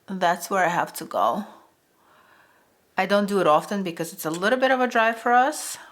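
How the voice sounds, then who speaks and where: A young Eastern European beauty vlogger whose first language is Russian chats while doing her makeup in a casual get-ready-with-me video. Her lowish voice is a bit bright, and she rambles with many fillers and restarts.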